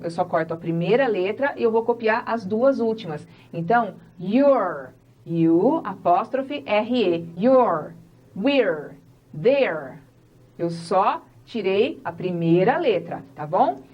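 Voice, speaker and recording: Brazilian-born woman teaching English basics. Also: medium pitch. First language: Portuguese. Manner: explains step by step, acts out sample dialogues. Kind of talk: online English lesson.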